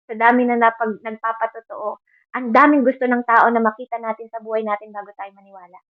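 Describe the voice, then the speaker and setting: A woman with a Filipino accent preaching a sermon earnestly, quoting Bible verses in English. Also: on the high side. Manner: earnest, mixing Tagalog with English Bible quotes. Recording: dull lo-fi recording.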